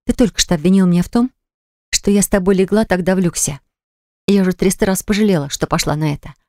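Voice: medium pitch, fast, a little mellow, dry recording, studio quality, natural voice. A reader voicing a hurt, indignant young pregnant woman who reproaches her fiancé in an audiobook. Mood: bitter.

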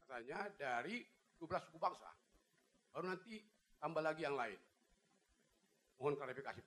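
A man's voice: fairly high pitch, expressive, fairly bright tone. A man from the congregation politely asking the pastor a question about the Bible. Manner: polite, measured. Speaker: audience member asking a question. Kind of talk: question at a church Q&A.

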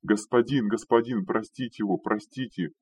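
A man's voice: on the low side, normal speed, darkish tone, breathy edge, voice pushed up. A man voicing a loyal male retainer who pleads and speaks hesitantly, recorded distant and dull. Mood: desperate pleading.

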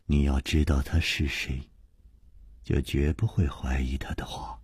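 Man putting on a poisoned guy on his last legs, super low and hushed, almost whispering, husky. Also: fairly even intonation, measured pace, dry recording, studio quality, exaggerated voice. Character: poisoned man, grim, quiet and resigned. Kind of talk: Chinese storytelling broadcast.

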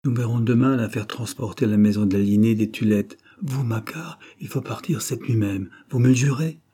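A man doing a hurried selfish merchant. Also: medium pitch, mellow, husky, natural voice. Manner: rapid, evasive. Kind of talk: audiobook reading.

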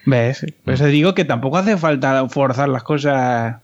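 A man's voice: mid-range voice, moderate pace, dry recording, muffled recording. A man in a casual podcast chat who argues and teases his co-hosts. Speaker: podcast co-host.

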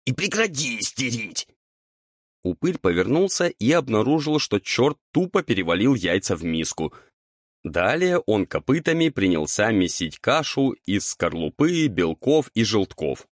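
A man narrating a humorous fantasy audiobook with expressive, lively delivery. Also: lowish voice, normal speed, no room sound, clean studio sound.

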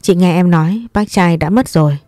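A woman voicing a gentle, caring young man. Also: fairly low pitch, moderate pace, dry recording, clean studio sound, close to an everyday voice. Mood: gently coaxing.

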